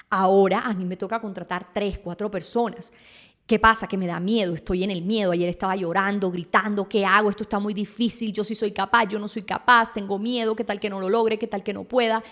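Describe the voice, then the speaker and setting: A woman, hosting a casual, reflective monologue in an animated, emphatic way. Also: mid-range voice. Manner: animated, emphatic, reads quotes aloud. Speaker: podcast host, entrepreneur.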